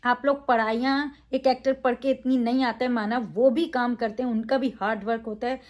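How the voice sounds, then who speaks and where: A woman's voice: a little high, steady tone, moderate pace. A woman reviewing a reality show in a casual, opinionated way, emphatic, with frequent fillers.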